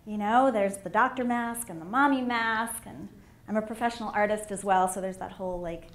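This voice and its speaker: A middle-aged woman giving a candid, animated personal talk as a conference speaker on a stage microphone. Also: medium pitch, brisk. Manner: candid and animated, with emphatic swells. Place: conference hall. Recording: echoey hall with faint room noise.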